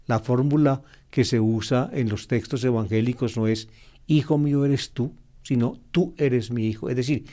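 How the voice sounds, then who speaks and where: Mellow-voiced priest explaining scripture. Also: male voice, mid-range voice. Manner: explanatory, teacherly, with frequent fillers and restarts; repeats key phrases for emphasis. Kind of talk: gospel reflection sermon.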